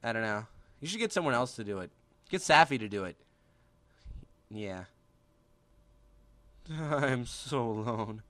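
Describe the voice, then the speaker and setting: A male voice actor joking through his own outtakes, animated and laughing at himself. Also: medium pitch, fast talker, no room sound.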